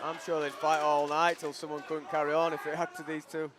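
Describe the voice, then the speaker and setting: Man, moderately high pitch, live fight commentary, measured, conversational analysis. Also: monotone, a crowd in the background, background noise.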